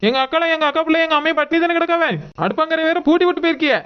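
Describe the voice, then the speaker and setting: A woman's voice: very high-pitched, fairly even intonation, muffled recording. A woman playing a defiant college girl who angrily confronts her sister-in-law over her sister and baby. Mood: angry. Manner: angry, confrontational, fast. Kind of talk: amateur family drama acting.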